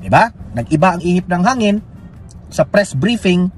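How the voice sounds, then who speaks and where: A man's voice: sits high, animated, moderate pace, faint music behind. A Filipino man giving heated, mocking political commentary as a news vlogger, urging viewers to like and share. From Philippines.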